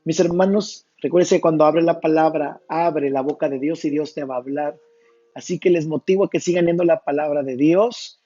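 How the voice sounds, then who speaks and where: A man's voice: fairly high pitch, normal speed, warm tone. A man preaching an earnest devotional reflection, retelling Bible passages with quoted lines. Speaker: pastor. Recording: dull lo-fi sound with faint music.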